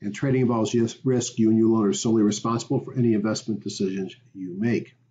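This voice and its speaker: A man's voice: on the low side, fairly even intonation, fast, dark tone, highs cut off, slight background noise. A man, a stock market educator, hosting a weekly market review, talking conversationally and rambling with fillers.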